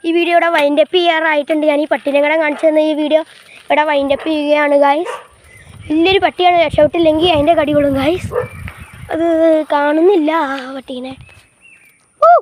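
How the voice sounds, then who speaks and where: A woman giving a casual walking-tour vlog outdoors by rural fields and a canal, filmed on an old phone while riding a bicycle. She talks haltingly, repeats herself and keeps saying "guys". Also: high voice, fairly even intonation, slight background noise. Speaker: vlogger. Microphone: old phone camera.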